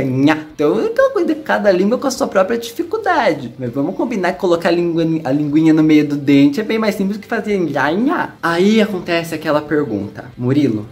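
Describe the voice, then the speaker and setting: A man from Brazil with a São Paulo interior accent, teaching in a casual, chatty video lesson and demonstrating sounds as he explains. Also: sits high. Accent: Brazilian Portuguese, São Paulo interior. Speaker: English teacher.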